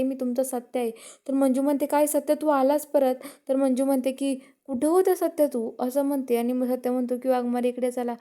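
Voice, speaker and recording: A woman's voice: a little high, warm tone, clean tone. A woman retelling a television serial episode, narrating in third person and speaking each character's lines in her own plain voice. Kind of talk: storytelling recap with acted dialogue.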